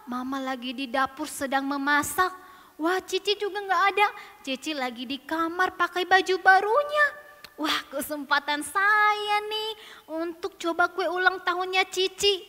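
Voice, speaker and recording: A woman voicing a curious, mischievous little younger sibling who talks in a slow, pleading childlike way. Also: very high-pitched, expressive, bright, forceful tone, big-room sound, voice pushed up, full character voice. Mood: sneaky.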